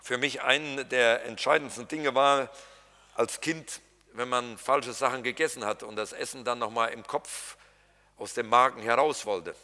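A man's voice: mid-range voice, fairly even intonation, unhurried, sharp tone. A man preaching a sermon as pastor, colloquial and jokey, talking straight to his congregation. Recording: reverberant hall.

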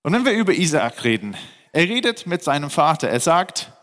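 A man's voice: a little high, big pitch swings, brisk, a bit bright, long reverb tail. A man preaching a sermon, mixing scripture reading with emphatic explanation and rhetorical questions to his listeners. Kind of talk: sermon, Bible teaching.

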